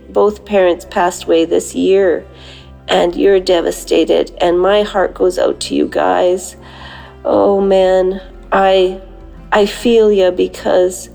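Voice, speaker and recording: Gravelly woman with a cold, whiskey voice. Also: lowish voice, dark tone. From Canada. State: has a lingering cold. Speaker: prayer line caller. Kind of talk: informal prayer voicemail.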